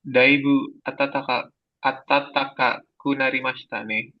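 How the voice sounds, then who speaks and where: A man's voice: mid-range voice, little pitch movement, unhurried, muffled recording. A man answering tentatively as a student in an online class.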